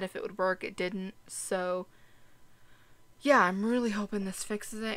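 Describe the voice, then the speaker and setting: Young woman, bright tone, chatty rambling gameplay commentary, desk mic at home. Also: mid-range voice. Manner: chatty, rambling, talks to her game characters. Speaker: gaming YouTuber. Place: home room. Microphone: desk mic with headphones.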